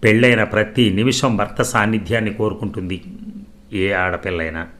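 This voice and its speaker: A man narrating a novel as storyteller, in a steady, measured reading. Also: lowish voice.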